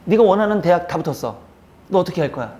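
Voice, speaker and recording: A male teacher lecturing a live classroom. He teases and scolds his students between explanations and keeps firing quick questions at them. Now and then he breaks into a squeaky voice to act out how they would react. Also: animated, darkish tone. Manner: teasing, scolding banter with students.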